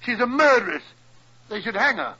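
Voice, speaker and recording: An actor playing a blustery, loyal British doctor sidekick in a 1940s radio drama. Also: male voice, high-pitched, sing-song, normal speed, sharp tone, husky, full character voice. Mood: indignant. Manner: blustery, indignant. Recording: muffled vintage radio recording.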